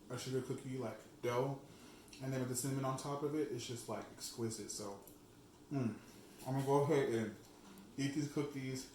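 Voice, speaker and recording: A young food blogger hosts a casual cooking vlog from his home kitchen, chatty and excitable and saying "like" at every pause. His voice is at an ordinary middle pitch, and the echoey room bounces it back over a faint hum of noise.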